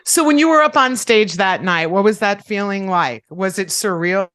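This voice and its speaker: A woman hosting a radio interview, bubbly and encouraging, filling in with quick affirmations. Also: mid-range voice, expressive, fairly bright tone, no room sound, studio quality. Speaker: radio host.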